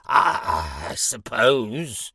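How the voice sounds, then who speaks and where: A man's voice: mid-range voice, very animated, drawn-out words, sharp tone, slightly rough, dry recording, studio quality, exaggerated voice. A man voicing an exasperated male demon, protesting in disbelief.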